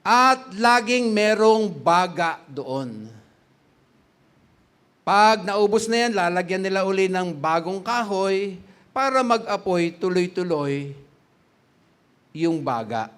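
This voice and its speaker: A middle-aged pastor from the Philippines preaching a sermon in a chatty way, laughing often, quizzing the congregation and slipping into English. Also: male voice, high voice, animated, slow, pauses often, a bit bright, clear, resonant tone.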